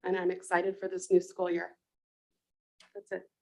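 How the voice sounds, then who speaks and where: A woman on a school board speaks earnestly and sincerely to teachers and staff. Her voice sits a little low. She sounds heartfelt throughout. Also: monotone, normal speed, gravelly, darkish tone, rough recording. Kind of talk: heartfelt address at a board meeting.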